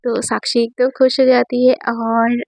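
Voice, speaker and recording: A woman tells a romance story in a chatty, rambling way, often correcting herself mid-sentence. Her voice sits high. The recording is dry and close, with no room echo. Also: monotone, moderate pace, vocal fry, darkish tone. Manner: chatty, rambling, frequent fillers. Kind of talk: casual spoken storytelling.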